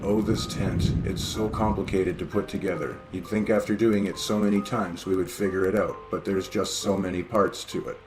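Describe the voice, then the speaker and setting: A man reading horror stories aloud in a steady, even narration. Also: low voice, moderate pace, hardly any pauses, soft background music, poor audio. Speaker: story reader. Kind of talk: scripted horror story narration.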